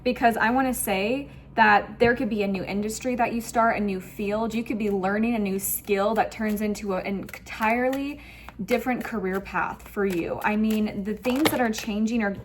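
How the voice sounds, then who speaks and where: A woman hosting an online tarot reading gives viewers a spiritual reading in an effusive, emphatic manner, often repeating phrases. Her mid-range voice moves at normal speed over a little hiss or hum.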